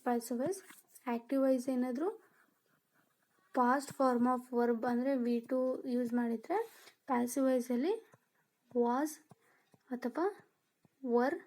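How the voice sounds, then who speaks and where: High-voiced woman teaching grammar. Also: a little mellow. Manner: explains step by step and asks rhetorical questions; mixes Kannada with English terms. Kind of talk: exam-prep lesson.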